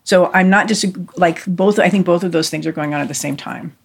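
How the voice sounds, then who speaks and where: A co-host with a mid-range voice talks through a casual podcast discussion. The speech comes quickly, full of restarts and offhand swearing. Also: medium pitch, vocal fry, breathy edge.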